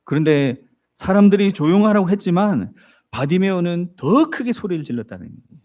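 A man's voice: sits high, very animated, a little fast, a little mellow, highs cut off. A male pastor preaching a sermon, telling the story vividly and putting rhetorical questions to the congregation. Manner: storytelling, acts out voices in the story.

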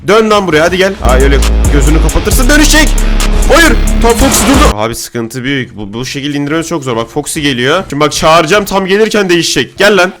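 A young man rattles through his gameplay at a quick clip, joking and yelling at the characters on screen. His voice sits a little high. Game music plays steadily under him. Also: very animated. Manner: loud, jokey, shouting at game characters. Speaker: gaming YouTuber. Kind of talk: excited let's-play commentary.

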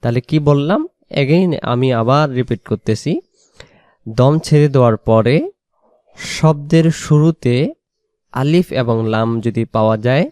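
Warm-voiced man teaching Quran reading. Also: mid-range voice, clean tone, no echo. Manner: patient, repeats and draws out Arabic syllables slowly. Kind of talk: spelled-out recitation lesson.

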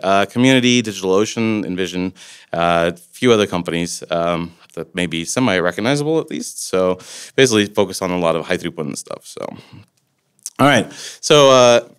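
A Latvian man in his forties gives a casual technical conference talk indoors at a podium mic. His voice sits low with a clean tone and lively intonation, moving a little fast, and his phrasing is loose and rambling with plenty of fillers.

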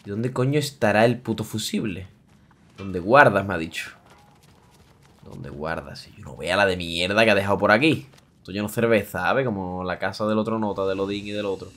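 A man's voice: on the low side, fairly quick, a bit bright. Crude, jokey Spanish streamer man. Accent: Spain. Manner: crude, jokey, chanting a vulgar singsong rhyme. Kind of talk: casual gameplay commentary.

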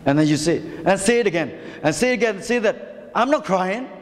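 A male pastor delivers a sermon with a notably high voice. He speaks haltingly, repeating words and asking his listeners questions. The recording carries a long church hall reverb. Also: expressive. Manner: halting, repetitive, asks rhetorical questions.

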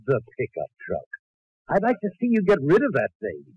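A man's voice: on the high side, wildly swooping pitch, brisk, husky, dry recording, dull audio, exaggerated voice. A man playing a grumbling, wisecracking older uncle in a 1940s radio comedy. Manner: dry, sarcastic quips.

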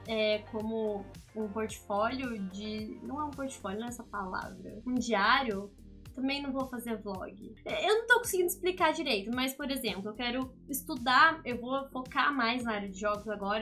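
A woman in her twenties with a Brazilian accent and a raspy, smoker-like voice, chatting in a rambling way to camera as a vlog host. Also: on the high side, bright, forceful tone. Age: 20s. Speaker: video channel host, games student. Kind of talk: casual vlog talk to camera. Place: small indoor home room.

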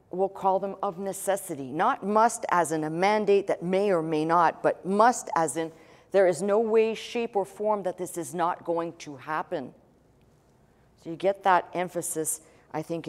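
Woman pastor preaching in a reverberant hall. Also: medium pitch. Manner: measured, emphatic preaching with rhetorical questions. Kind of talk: sermon.

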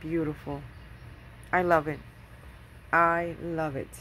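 A woman with a fairly low voice gushes over handmade craft gifts in a casual show-and-tell. She talks excitedly, with plenty of fillers along the way. A faint hiss sits under the home recording. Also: takes it slowly. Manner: gushing, excitable, with many fillers. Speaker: craft vlogger.

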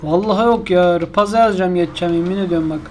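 Gaming commentator, male, higher pitch, frustrated self-talk, slight background hiss. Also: very fast. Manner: exasperated, complaining, talks to himself and the game. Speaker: gaming YouTuber. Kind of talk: casual gameplay commentary.

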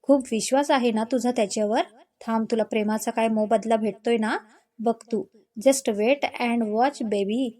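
Woman doing a scheming young man, storybook villain, sneering manner, high voice. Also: fairly even intonation, measured pace, dark tone. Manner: coaxing, then sneering. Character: young man colleague, scheming, jealous suitor.

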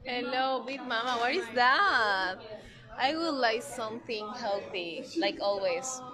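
A young woman from Brazil who speaks slowly and teases with playful questions. Her voice sits fairly high. The chatter of a crowded restaurant hums around her. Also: lively intonation. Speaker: pageant contestant. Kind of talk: casual vlog chat. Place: busy restaurant indoors.

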